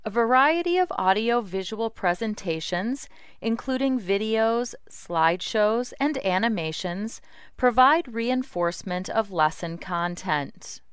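Casting: female demo narrator, scripted instructional read, crisp voice, dry studio sound. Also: mid-range voice, expressive, measured pace, no room sound.

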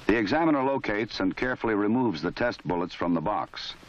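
Reading from a script for an instructional film, a low-pitched American man narrates formally and at a measured pace, sounding authoritative and matter-of-fact, with lively intonation. The sound is dull and lo-fi, reminiscent of a 1970s movie soundtrack.

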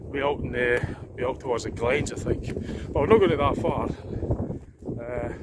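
A middle-aged Scottish man talks his way through a winter hill walk, relaxed and chatty, trailing off into asides and fillers. He speaks into a handheld phone outdoors, and loud wind noise batters the microphone. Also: medium pitch, moderate pace. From Scotland. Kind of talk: casual hiking vlog narration. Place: outdoors on open hills in winter. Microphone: phone or camera held at arm's length.

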